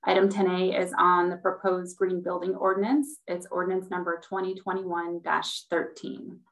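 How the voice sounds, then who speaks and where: Heard through a low-quality recording, a woman with a fairly low voice presents at normal speed as a city sustainability manager in a public meeting held on a group video call. Her staff presentation is steady and explanatory as she moves through each slide.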